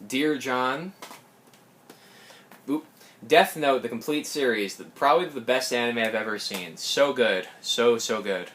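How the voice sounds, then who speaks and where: A young man talks casually while walking through the films on his shelves at home, tossing in quick asides and correcting himself. His voice is slightly hoarse and sits at an ordinary middle pitch. Faint clicking can be heard behind him. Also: a bit bright, slight background noise. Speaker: collector showing his films. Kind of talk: casual collection walkthrough.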